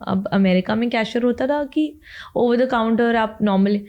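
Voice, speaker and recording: A woman's voice: a little high, a little slow, darkish tone. A young woman, an interview guest, telling her life story in an emotional, chatty way and mixing in English phrases. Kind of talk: casual interview talk.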